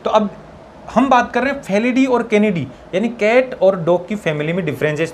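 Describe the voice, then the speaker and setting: A man teaching biology for an entrance exam, mixing Hindi and English, slowing down to dictate textbook lines and often checking in with his students. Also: sits high, a little hiss or hum. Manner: slows down to dictate English textbook lines, keeps asking "ठीक है ना". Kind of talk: exam-prep lecture, Hindi mixed with English.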